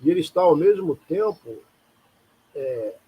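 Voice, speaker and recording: A man's voice: a little high, lively intonation, unhurried, slightly rough, muffled recording. A man from Rio de Janeiro giving an informal live lecture in a rambling, conversational way, often asking rhetorical questions. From Rio de Janeiro, Brazil. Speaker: lecturer hosting a live talk.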